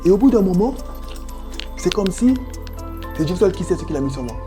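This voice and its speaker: A man from French Guiana tells his story with a French Guianese accent. His voice sits high but mellow. He talks in street slang, making sound effects and calling the listener brother, while faint music plays behind. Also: big pitch swings, a little fast. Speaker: interviewee. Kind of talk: animated personal storytelling.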